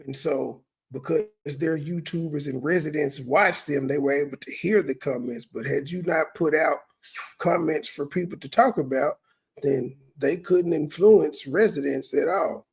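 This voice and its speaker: A man's voice: a little high, measured pace, vocal fry, breathy edge. A man hosting a reaction video, blunt, profane and mocking in his commentary. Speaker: YouTube reaction host.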